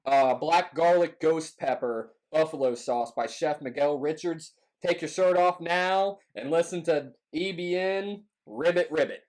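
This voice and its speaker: A man with a somewhat high voice hosts a casual challenge vlog. He speaks informally and tends to repeat phrases for emphasis. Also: unhurried, few pauses, a little mellow. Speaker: host of a hot wings challenge.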